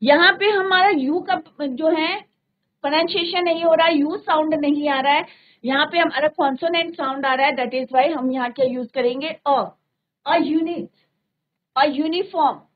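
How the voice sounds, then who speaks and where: A woman's voice: high-pitched, normal speed. A woman teaching a classroom grammar lesson, mixing Hindi and English and often asking the class to confirm they follow. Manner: asks frequent checking questions. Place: classroom studio. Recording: phone-like narrow band.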